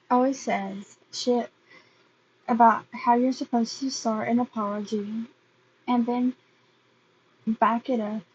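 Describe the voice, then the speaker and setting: A woman's voice: on the high side, darkish tone, lo-fi sound, a little hiss or hum. A woman reading fan fiction aloud, hesitant and often restarting her phrases.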